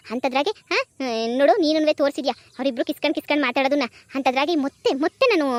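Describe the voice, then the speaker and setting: A woman voicing a high, quick-talking young village wife in a cartoon comedy. She turns from sugary begging to biting scorn. The recording is close and dry. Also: no echo, natural voice. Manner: pleading sweetly to her father-in-law, then scolding with contempt.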